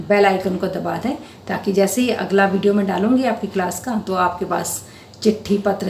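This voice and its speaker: A woman's voice: fairly low pitch, vocal fry, darkish tone, roomy sound, a little hiss or hum. A woman teacher patiently explaining a school Hindi lesson to children, step by step. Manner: addresses students affectionately as beta.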